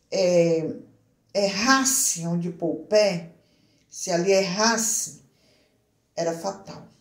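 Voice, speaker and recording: A woman telling her religious testimony in an unhurried, low, mellow voice. She talks to her listeners earnestly, stumbling over words and circling back to repeat them. The room around her sounds echoey and open. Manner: halting, repeats words and restarts phrases; earnest, addresses listeners directly. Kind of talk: personal religious testimony, storytelling.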